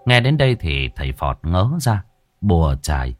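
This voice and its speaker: A man narrating a ghost story in a lively, expressive way. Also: low-pitched, normal speed, faint music behind.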